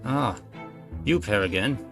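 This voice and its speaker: A man plays a crusty, upper-class older gentleman from a video game. He blusters and splutters pompously, forgetful and easily irritated. Music plays clearly behind him. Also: fairly low pitch, measured pace. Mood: pompous, vague. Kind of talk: video game character read-aloud.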